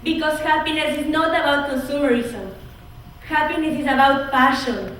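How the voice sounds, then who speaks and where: A young woman from Ecuador, a student, delivering an earnest, measured oratory speech. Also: high voice, a bit bright, far from the mic, a little hiss or hum. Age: young adult. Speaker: student speaker. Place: college auditorium. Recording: echoey hall, mic from afar.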